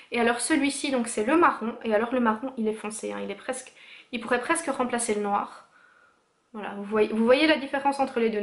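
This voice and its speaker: A woman presenting a casual make-up haul vlog, chatty and enthusiastic, with frequent fillers as she shows her purchases to the camera. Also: fairly high pitch. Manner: chatty and enthusiastic, full of "voilà" and "euh". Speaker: beauty vlogger. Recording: echoey room.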